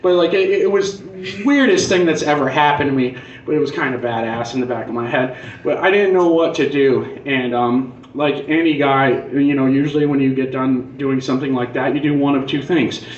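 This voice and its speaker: A man's voice: mid-range voice, moderate pace, a little hiss or hum. Echoey, distant man doing crude stand-up. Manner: profane, conversational, punchy. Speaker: stand-up comedian. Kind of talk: stand-up comedy monologue, crude casual rant. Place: live comedy venue on stage. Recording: echoey club room, distant dull mic.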